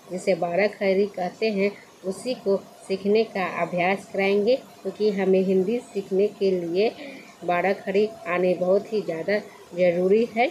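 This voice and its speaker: A woman's voice: medium pitch, darkish tone, slight background noise, low-quality recording. A woman teaching a basic reading lesson, asking herself questions and answering them. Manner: slow, asks and answers her own questions. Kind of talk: slow children's lesson.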